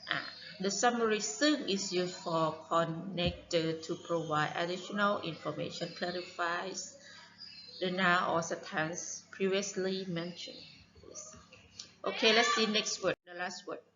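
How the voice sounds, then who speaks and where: A woman teaching Thai words in English with a Thai accent, explaining slowly with many pauses and restarts. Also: lowish voice, highs cut off, slight background noise. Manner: slow, halting explanations with many fillers and restarts.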